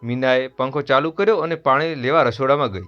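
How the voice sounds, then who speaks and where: A man with a Gujarati accent narrating a family story in a steady, earnest scripted read. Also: medium pitch, a little fast. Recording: dull lo-fi voice over soft music.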